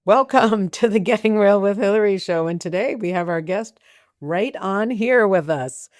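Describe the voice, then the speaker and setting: A woman's voice: mid-range voice, normal speed, no echo, clean studio sound. A woman hosting an interview podcast, chatting casually with joking asides. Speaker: podcast host.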